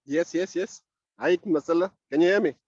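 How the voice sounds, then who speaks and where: A man speaking by phone from outdoors about a community compost project, halting and often restarting his words. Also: fairly high pitch, a little mellow, husky, no echo. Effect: heard over a phone call. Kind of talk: casual panel contribution. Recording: dull, dry phone audio.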